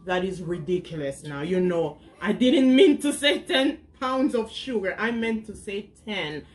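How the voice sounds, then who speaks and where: Chatty woman in her thirties, home cooking demo in a kitchen, instructive, mid pitch. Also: expressive, a little slow. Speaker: cooking vlogger and mother. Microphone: camera on the counter.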